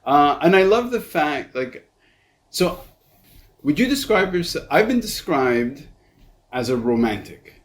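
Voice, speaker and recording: A man's voice: on the high side, big pitch swings, measured pace, long pauses. Effusive middle-aged Canadian man hosting a chat. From Montreal, Canada. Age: 50s. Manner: effusive, interjecting. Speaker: podcast host. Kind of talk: casual interview chat.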